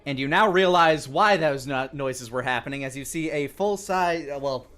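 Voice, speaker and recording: A man's voice: fairly high pitch, moderate pace, a bit bright, slight background noise. A man narrating as dungeon master in a live-streamed tabletop game, describing the scene with fillers and restarts.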